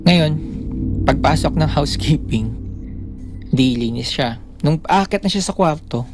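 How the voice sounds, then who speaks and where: Man, slightly high, gravelly voice, animated storyteller, loud music bed. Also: measured pace. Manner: animated storytelling, acting out quoted lines. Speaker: podcast co-host. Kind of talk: casual storytelling chat.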